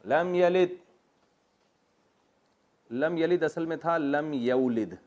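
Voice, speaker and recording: A middle-aged man, teaching Quranic Arabic grammar. He spells out word forms slowly, repeats them, and drops in joking asides. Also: on the high side, darkish tone, dull audio. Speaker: religious teacher.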